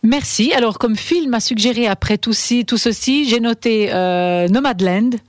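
A woman's voice: on the high side, unhurried, no echo, studio quality. A woman hosting a radio show who introduces segments and reacts with short, upbeat remarks. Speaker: radio host.

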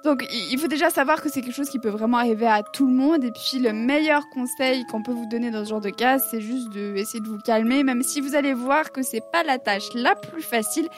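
A woman hosts a radio show from the studio in a loose, chatty way. Her voice sits a little high, and she laughs often between lines. A faint music bed plays underneath. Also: brisk, hardly any pauses. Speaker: radio host. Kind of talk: casual radio chat.

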